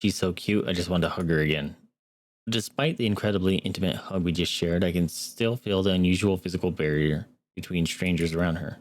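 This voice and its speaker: With a low pitch and a fairly quick pace, a young man on stream reads a visual novel aloud earnestly and comments on it with wry asides.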